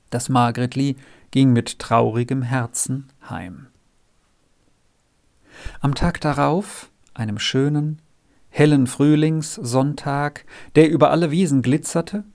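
Slow, measured storybook narrator. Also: mid-range voice, darkish tone. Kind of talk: audiobook narration of a classic tale.

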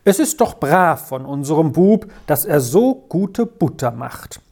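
A woman's voice: deep voice, sing-song, measured pace, heavily acted. A woman doing a kindly, chatty farm wife. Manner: warm-hearted, chatty. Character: kind, talkative farm wife and mother.

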